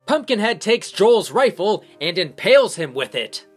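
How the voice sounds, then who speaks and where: A man's voice: high voice, sing-song, normal speed, music in the background. A man recapping a horror movie as a reviewer, with sarcastic joking asides. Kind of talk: comedic film recap narration.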